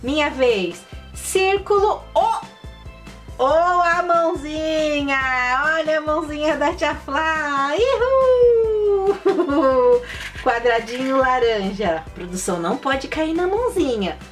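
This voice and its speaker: A woman hosting a children's channel, playing a board game in an excitable, sing-song presenter way with lots of exclaiming. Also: high voice, takes it slowly. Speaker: kids' channel host. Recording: voice a bit far from the mic, faint music.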